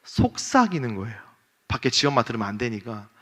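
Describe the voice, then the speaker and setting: A pastor in his thirties preaching a sermon, telling a family story and acting out the voices with lively shifts in pitch and volume. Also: brisk. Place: church sanctuary. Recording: long church hall reverb.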